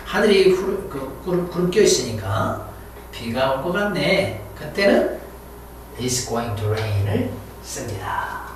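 A man's voice: on the high side, slow pace, slight background noise. A man teaching an English lesson, explaining grammar and drilling each word by repeating it. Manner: animated, drills words by repeating them several times. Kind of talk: classroom lecture explaining grammar and vocabulary. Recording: echoey room, voice from a distance.

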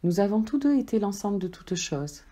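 A woman voicing a gentle, loving soul that speaks softly and patiently. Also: medium pitch, very animated, brisk, voice pushed up. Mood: tender. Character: gentle, loving friendly soul, calm and tender.

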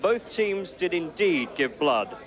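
A man hosting the studio coverage and signing off in a measured, formal presenter's manner. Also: high-pitched, big pitch swings, fairly bright tone. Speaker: studio host. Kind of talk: broadcast sign-off.

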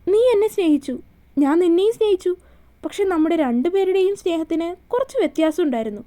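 A woman's voice: very high-pitched, expressive, brisk, warm tone. A woman voicing a cruel young man who holds a woman captive, in a mocking, menacing way.

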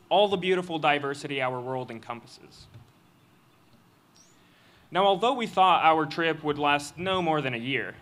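A young man giving a student speech at a graduation ceremony, reading a prepared text into a podium microphone in an earnest, measured way. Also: on the high side, fairly bright tone. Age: young adult. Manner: earnest, measured delivery with occasional slips. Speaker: student commencement speaker. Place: outdoor stage of a graduation ceremony.

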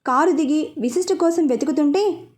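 A woman narrating a serialized audio story in a lively storytelling manner. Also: sits high, moderate pace.

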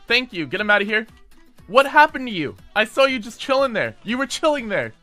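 High, bright-voiced excitable gamer man. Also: quick pace, faint music behind. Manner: excitable, yelling and laughing at the game. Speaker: gaming YouTuber. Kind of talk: gameplay commentary.

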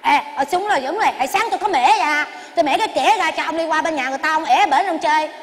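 A comic stage performer playing a stubborn old wife who bickers with her husband in quick, teasing retorts. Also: sits high, a bit bright, a little hiss or hum. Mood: bickering. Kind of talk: stage comedy sketch.

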